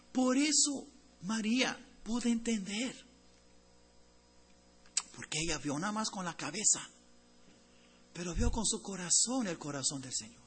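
A man preaching a sermon to his congregation. He swings between loud, emphatic lines and hushed, tender ones. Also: high-pitched, husky. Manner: addresses congregation as brothers.

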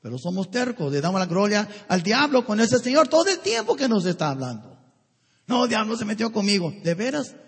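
Pastor, male: high animated voice, husky edge, preaching in a church with long hall reverb. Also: fairly quick. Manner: emphatic preaching with rhetorical questions to the congregation. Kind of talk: sermon.

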